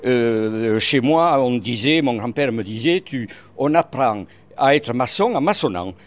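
A man's voice: mid-range voice, animated, a little slow. An older man with a regional French accent, a radio columnist in an interview, hesitant with many fillers but earnest and emphatic.

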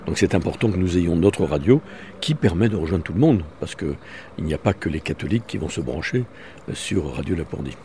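A man, a bishop, answering in a radio interview in a measured, explanatory way with some fillers. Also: low voice, expressive, dark tone, slight background noise.

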